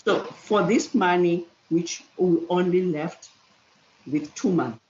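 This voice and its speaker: An official giving a halting briefing to a committee, the voice breaking up on a poor video call. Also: mid-range voice. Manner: halting, searching for words. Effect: breaking-up video call audio. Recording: muffled, echoey call audio with faint hiss.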